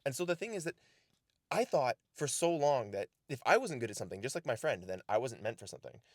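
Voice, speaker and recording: Standing outdoors in the snow, a Canadian man gives casual, earnest and direct life advice to the camera, repeatedly saying "right?" and "the reality is." His mid-range voice swings widely in pitch and moves fast, captured in a dry, studio-quality recording.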